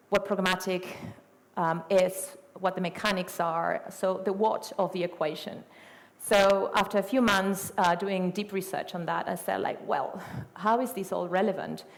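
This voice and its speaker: A middle-aged Argentine woman, a native Spanish speaker with an Argentine Spanish accent, gives a conference presentation full of fillers, self-corrections and rhetorical questions. Her voice is mid-range, and the hall is reverberant.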